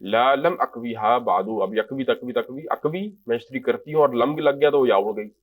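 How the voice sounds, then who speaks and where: A man giving an Arabic grammar lecture in Urdu, reading out example phrases and translating them patiently line by line. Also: medium pitch. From Pakistan. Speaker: Arabic language teacher.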